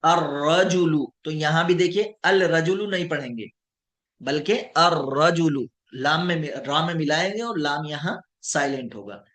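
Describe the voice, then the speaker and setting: A man teaching an online lesson, slowly drawing out each example word and checking in with his students. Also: on the high side, animated, fairly bright tone. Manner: slow, deliberate, drawing out example words; checks in with students, addressed as sir. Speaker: Arabic teacher.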